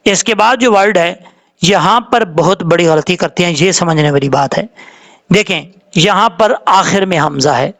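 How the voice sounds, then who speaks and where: Slow-spoken man teaching recitation. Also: high voice, fairly bright tone. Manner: explains slowly, drawing out Arabic words when showing them. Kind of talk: tajweed lesson with slow demonstrations.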